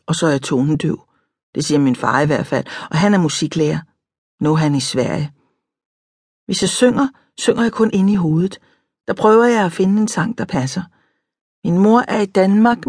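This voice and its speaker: A woman narrating an audiobook in a calm, reflective first-person storytelling manner. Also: fairly low pitch, breathy edge, no room sound, clean studio sound. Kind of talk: scripted narration.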